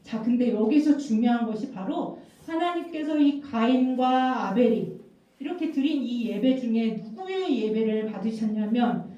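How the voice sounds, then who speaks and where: Woman children's pastor, high and mellow voice, coaxing question-and-answer style; distant mic, dull echoey room. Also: moderate pace. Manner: lively, coaxing, asks children questions and repeats key words. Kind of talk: children's sermon with questions to the kids. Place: church worship room.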